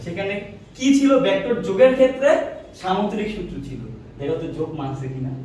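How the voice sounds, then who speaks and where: A male physics teacher lecturing a class, firing quick questions and repeating answers in a call-and-response drill. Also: sits high, sing-song, darkish tone, slight background noise. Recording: echoey room, mic far off.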